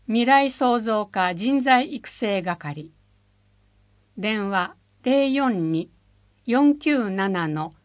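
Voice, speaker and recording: Slow, careful woman reading notices. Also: mid-range voice, no room sound. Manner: slow, careful, even delivery of listings and numbers. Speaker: reader of a city bulletin. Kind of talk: scripted reading of public notices.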